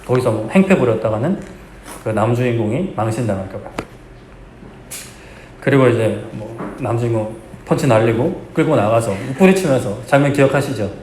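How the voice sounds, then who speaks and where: A man's voice: mid-range voice, lively intonation, normal speed, darkish tone. A male pastor delivers a Sunday sermon in an earnest, exhorting tone, often turning to the congregation with friendly asides. His voice sits in a middle register and rings around a roomy church sanctuary, with a faint hum underneath. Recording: echoey church hall, faint background hum.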